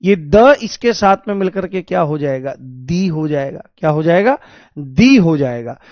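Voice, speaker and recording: A man's voice: on the high side, very animated, a little slow, no room sound, dull audio. A man teaching a grammar lesson for exam preparation, explaining step by step, repeating key words and asking his students questions. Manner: addresses students as "babu" and "babuji". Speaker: Hindi teacher.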